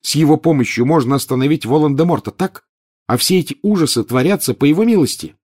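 A man voicing a brisk, insistent clever teenage schoolgirl in an audiobook. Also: a little high, lively intonation, a little mellow, voice pushed up.

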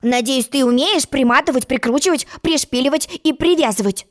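A woman's voice: high-pitched, fairly quick, lightly acted. A woman reading a storybook, voicing a gloomy, suspicious little boy. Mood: sulky.

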